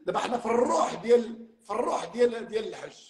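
A man's voice: very high-pitched, lively intonation, rapid-fire. A man with a Moroccan accent hosting a religious discussion, engaged and prompting his guest, adding his own points as they talk. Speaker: host. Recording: echoey reverberant room.

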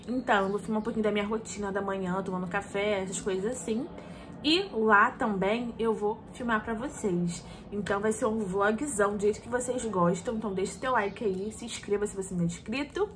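A woman's voice: mid-range voice, brisk. A Brazilian woman in her twenties chatting casually to viewers in a vlog, her speech slightly lisped from wearing a removable retainer. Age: 20s. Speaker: vlogger. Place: small bedroom and tiled kitchen indoors. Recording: clear background room noise.

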